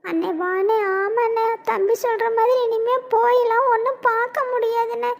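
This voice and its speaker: Cartoon role: a performer playing a worried younger brother, very high and pleading. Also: little pitch movement, moderate pace, vocal fry. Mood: consoling. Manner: pleading, fretful, repeating calls of brother. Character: anxious younger man consoling his elder brother. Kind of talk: cartoon drama voice acting.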